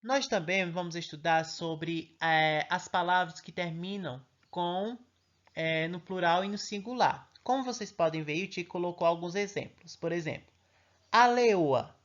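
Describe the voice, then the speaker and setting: A male primary teacher talks young children through an online grammar lesson. He reads each example slowly and emphatically, then keeps asking the class short check-in questions. The recording is muffled and lo-fi. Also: high voice, fairly bright tone.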